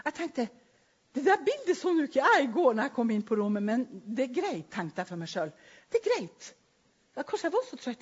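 Husky woman telling a testimony. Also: medium pitch. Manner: lively storyteller, acts out dialogue. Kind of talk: personal testimony storytelling. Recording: dull lo-fi recording.

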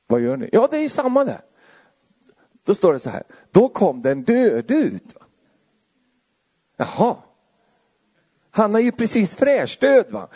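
A man preaches a sermon in a relaxed, conversational way, tossing in questions to his listeners. His voice is mellow and somewhat dark, and it climbs higher and louder as he warms up. The recording sounds slightly dull. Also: creaky. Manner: conversational, often adds tag questions, grows louder and higher as he builds.

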